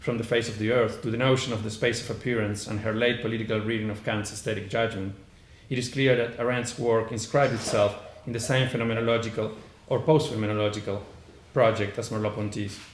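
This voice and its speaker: Low and steady but fast, with few pauses, an Argentine-accented panelist delivers a hesitant academic lecture from notes, full of "uh" fillers and restarts. The conference room echoes and there is faint background noise.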